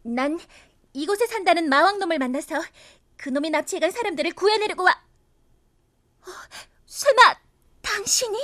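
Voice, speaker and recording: Spirited young fantasy heroine: high-pitched, outspoken, exclamatory radio drama delivery. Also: female voice, a little fast, pauses often. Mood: curious, bold. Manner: expressive, exclamatory. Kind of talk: animated audio drama acting.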